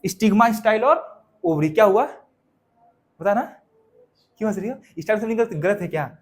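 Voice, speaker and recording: A man's voice: high voice, a little fast. A young male teacher lecturing a classroom of students, firing questions at them and making them repeat answers back. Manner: drills students with call-and-response questions; scolds students sharply when they laugh.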